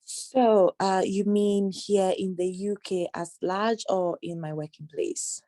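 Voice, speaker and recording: A woman from Ghana who works in anti-trafficking outreach, answering interview questions in a measured, hesitant way with many fillers, on a video call. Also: medium pitch, fairly even intonation, mellow, no echo.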